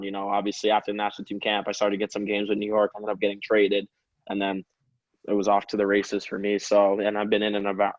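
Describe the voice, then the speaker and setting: A man in his early twenties, a professional soccer player appearing as a guest, chats in a relaxed, rambling style and frequently laughs. His lowish voice comes through a muffled recording with no room sound.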